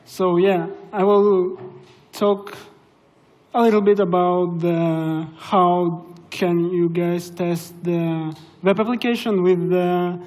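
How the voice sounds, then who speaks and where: Speaking in a conference hall, a young tech conference presenter with a Russian accent comes across as casual and unsure, leaning heavily on fillers. His high voice carries a darkish tone.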